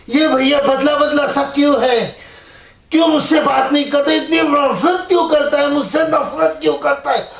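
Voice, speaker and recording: A man's voice: very high voice, gravelly, echoey room, exaggerated voice. A man playing a heartbroken young son who has been poisoned by his mother, pleading with her in a solo stage monologue.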